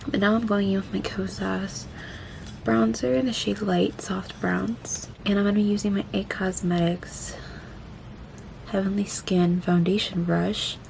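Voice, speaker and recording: A woman's voice: mid-range voice, steady tone, unhurried, gravelly, a little mellow, a little hiss or hum, rough recording. A woman chatting casually and self-deprecatingly through a makeup vlog, her mouth and jaw swollen after having her wisdom teeth out. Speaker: beauty vlogger.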